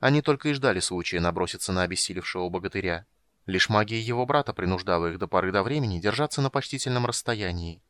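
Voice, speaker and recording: Low-voiced male audiobook narrator. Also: expressive, quick pace, fairly bright tone, no room sound. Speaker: audiobook reader. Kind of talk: scripted narration.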